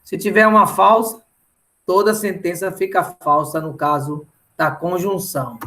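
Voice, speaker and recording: With a high, sharp voice and fairly even intonation, a middle-aged Brazilian man teaches mathematics online at a normal speed. He lectures in a didactic way, often pausing to check in through brief tag questions.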